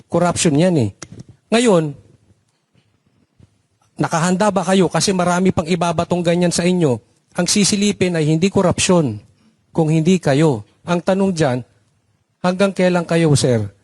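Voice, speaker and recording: A man co-hosting, asking the guests challenging questions at a brisk pace. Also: sits high, a little mellow. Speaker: co-host and vlogger.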